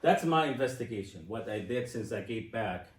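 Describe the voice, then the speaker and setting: A man in his sixties giving a personal testimony speech, animated and asking his audience questions. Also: fairly low pitch, moderate pace, echoey room. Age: 60s. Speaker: speaker.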